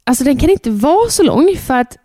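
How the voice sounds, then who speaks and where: A woman in her thirties, a podcast co-host, telling a story in a lively, animated way and acting out her own shouts. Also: high voice, no echo, clean studio sound. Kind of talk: casual chat.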